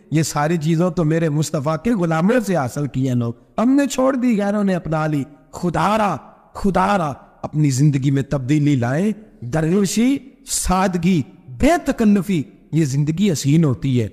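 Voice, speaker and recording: A man preaching a sermon, telling a story and acting out its dialogue with strong pitch swings. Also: in a large hall. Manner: impassioned, acts out dialogue with sharp pitch swings. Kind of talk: Urdu religious sermon with storytelling.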